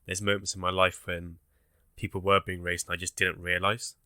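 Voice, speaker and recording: A young man with a very low, bright, forceful voice co-hosts a podcast, talking in loose, rambling bursts. The sound is dry and close, with no room around it. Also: brisk, no room sound. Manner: rambling, animated, swears casually. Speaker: podcast co-host. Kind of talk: casual chat.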